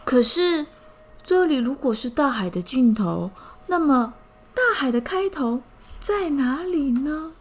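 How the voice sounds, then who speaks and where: A big, gentle storybook elephant, puzzled and a little weepy, asking questions in a raised, lilting voice, as a woman puts it on. It is slow and clear, pitched for children. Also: lively intonation.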